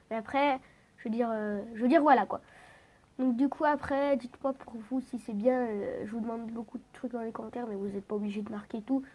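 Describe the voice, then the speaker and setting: A teenage girl with a head cold talks casually over a game as a gaming vlogger, her voice a little high, mellow and slightly nasal. She rambles, filling gaps with fillers and frequent restarts.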